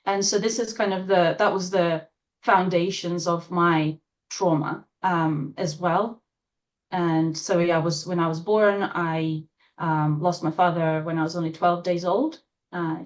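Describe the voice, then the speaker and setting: A woman from Latvia, a guest in an interview, speaking in a thoughtful, hesitant way with many fillers and soft laughs. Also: on the low side. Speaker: interview guest, trauma-informed coach. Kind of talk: casual interview chat.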